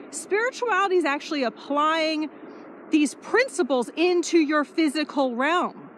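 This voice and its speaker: High-voiced woman vlogging on a walk. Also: a little hiss or hum. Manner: energetic, repetitive, casually swearing. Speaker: spiritual life coach. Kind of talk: casual vlog monologue while walking. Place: outdoors, power walking.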